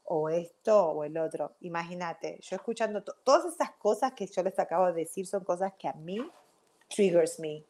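A woman giving a self-help talk to camera in an animated, chatty way that keeps checking in with the listener. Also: fairly low pitch, moderate pace, slight background noise.

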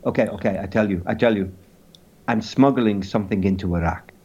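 A man putting on the voice of a calm, secretive middle-aged Swiss man, in clipped broken English with a caricature French-style accent. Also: fairly low pitch, fairly quick, husky, lo-fi sound, pitched below the performer's own voice. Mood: hushed confiding.

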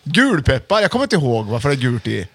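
A man's voice: medium pitch, very animated, dry recording. A man co-hosting a casual chat show, playful and jokey, drifting off on tangents. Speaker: podcast co-host.

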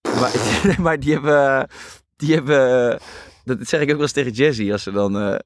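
A man's voice: medium pitch, moderate pace, dry recording, studio quality. A man, co-hosting a podcast in casual chat, joking and rambling. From Netherlands. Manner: joking, rambling, animated storytelling. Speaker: podcast co-host.

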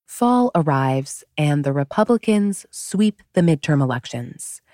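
A woman's voice: sits low, very animated, a little slow, warm tone, no room sound, studio quality. A woman hosting a podcast, reading scripted history narration in a wry, conversational storytelling manner. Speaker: podcast host.

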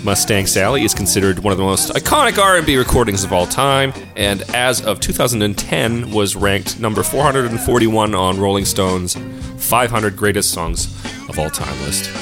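A man's voice: lowish voice, animated, normal speed. A man co-hosting a music debate podcast, reading prepared arguments with a dry, sardonic wit. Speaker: podcast co-host.

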